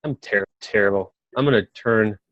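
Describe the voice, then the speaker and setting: A man's voice: on the low side, moderate pace, a bit bright, no room sound. A man leading a casual group video call, his audio choppy and breaking up over the connection as he reads out points word by word. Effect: choppy, breaking-up internet call audio. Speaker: meeting leader. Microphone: computer over a video call. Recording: dull lo-fi call audio with faint music.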